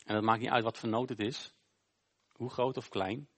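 A man preaches a sermon during a church service. He retells a Bible story plainly and informally, stopping to search for words. His voice sits at a middling pitch. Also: steady tone, normal speed, a bit bright. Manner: informal, storytelling, with frequent hesitations. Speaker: pastor.

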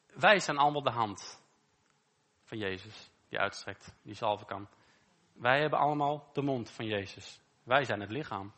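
A man's voice: mid-range voice, normal speed, fairly bright tone. A man giving an informal, conversational sermon, repeating phrases and asking rhetorical questions. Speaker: preacher.

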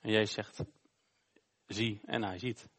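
A male pastor gives an informal sermon during a church service. He tells a Bible story conversationally, often pausing on "eh". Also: medium pitch, fairly bright tone. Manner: informal, storytelling, with frequent hesitations.

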